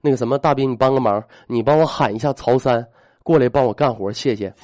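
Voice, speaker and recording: A man's voice: medium pitch, a little mellow. Joking male radio host telling listener jokes. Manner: joking, quick storytelling with wry asides. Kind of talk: live radio call-in show reading listener messages and jokes. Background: faint electronic music.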